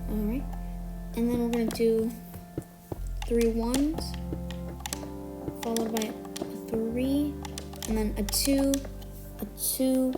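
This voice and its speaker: With music in the background, a tutorial maker who's somewhat ill talks through a build one step at a time, counting blocks and correcting minor errors. The voice is mid-range and steady, slow, with frequent pauses.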